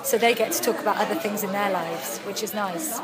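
Over a noisy crowd, a young Welsh actress and writer chats freely in a casual interview. Her mid-range voice is fairly quick, and she tells stories in a chatty, animated way with plenty of ums.

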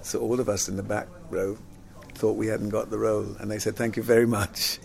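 An older man who grew up in London after being born in Jamaica, an actor and singer reminiscing in a relaxed interview, rambling and repeating words, often laughing. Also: on the low side, brisk, creaky.

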